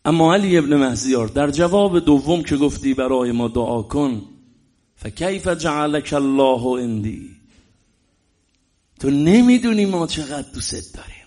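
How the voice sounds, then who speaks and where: A man preaching a religious sermon in an emphatic way, often rising into loud exclamations. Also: fairly high pitch, animated.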